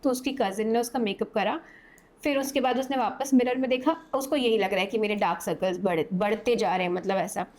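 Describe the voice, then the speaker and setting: A woman's voice: mid-range voice, brisk. A young adult woman, a podcast guest, casually telling a spooky story and acting out the people in it. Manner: animated narration, acting out quoted characters.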